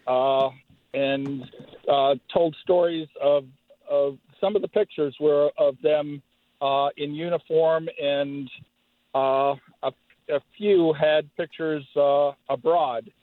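An older man on a tinny phone line, speaking very slowly and haltingly, full of pauses and filler words. His voice sits a bit high for a man, and the line is dry and narrow. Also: no echo. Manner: slow and halting, many fillers. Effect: heard over the phone. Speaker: call-in caller, retired teacher.

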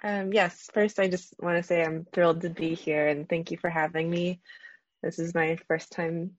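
Young woman, nervous and giggly, lowish voice, dry, dull lo-fi sound. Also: little pitch movement, normal speed, dry recording. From California. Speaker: panel guest, artist. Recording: dull, lo-fi remote line.

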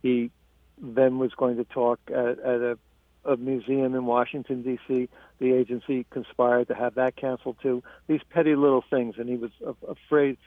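A man, an author being interviewed about his book, speaking in a measured, halting way with frequent restarts. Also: medium pitch, flat delivery, no echo. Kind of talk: radio interview. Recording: tinny phone line.

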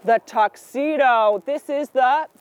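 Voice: sits high, slow, clear, resonant tone. A drag queen reading to preschoolers in a sassy, campy, theatrical way, tossing exclamations and questions out to the listeners. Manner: theatrical, exclamatory, prompts the audience to call back. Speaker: storytime reader and performer for preschoolers. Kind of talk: animated children's read-aloud with audience questions.

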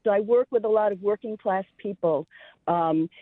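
A woman's voice: mid-range voice, moderate pace, dry recording. A woman with a New York accent, a realtor calling in to a radio talk show, speaking earnestly and emphatically. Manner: earnest, emphatic, pleading for attention to an issue. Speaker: caller, realtor. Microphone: telephone. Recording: tinny phone line on radio.

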